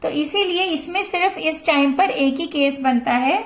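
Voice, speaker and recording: A woman's voice: high voice, moderate pace, roomy sound. A woman in her forties with an Indian accent, teaching a math lesson and patiently explaining a problem step by step, switching between Hindi and English. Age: 40s.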